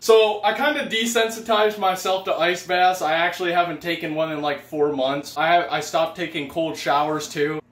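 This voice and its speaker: A man in his twenties chats in a casual, joking vlog style. His voice sits rather high for a man. It is caught on a phone in an echoey bathroom with faint noise. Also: steady tone, normal speed, few pauses, fairly bright tone. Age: 20s. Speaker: vlogger. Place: small bathroom, indoors. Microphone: phone held by another person nearby.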